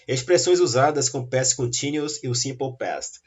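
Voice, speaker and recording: Speaking at a normal speed in a husky, medium-pitched voice, a male English teacher with a Brazilian Portuguese accent explains grammar methodically in a recorded lesson, regularly making sure his students are following.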